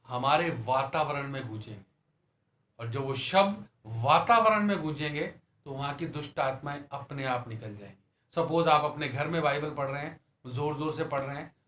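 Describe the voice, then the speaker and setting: A middle-aged male pastor telling a personal story as a sermon, dramatic and swinging from soft to loud, with repeated hallelujahs. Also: on the high side, echoey room.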